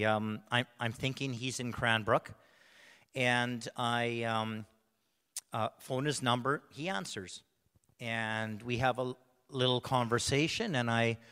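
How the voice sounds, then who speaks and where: A man with a cough gives a personal testimony in a church, his voice smooth and resonant with a long hall reverb trailing behind it. He speaks at a middling pitch, halting and restarting often. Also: fairly bright tone. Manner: halting, with many restarts and fillers. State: bad cough, clears throat. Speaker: church member sharing a testimony. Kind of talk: personal testimony told to a congregation.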